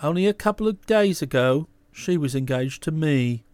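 A woman voicing a jilted, gloomy young Englishman who speaks in a hollow, halting way. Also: deep voice, expressive, darkish tone, no echo, pitched below the performer's own voice. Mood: aggrieved.

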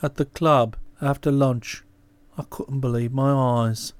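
A woman voicing a jilted, gloomy young Englishman who speaks in a hollow, halting way. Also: very deep voice, fairly even intonation, darkish tone, no room sound, pitched below the performer's own voice. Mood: aggrieved.

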